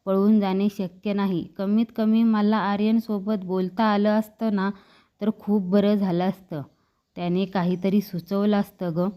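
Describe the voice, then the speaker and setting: A woman voicing a young woman who pleads tearfully and speaks a little higher than her narration. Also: level tone, measured pace, dark tone, clean tone, close to an everyday voice. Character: young woman, a politician's daughter, in love and pleading.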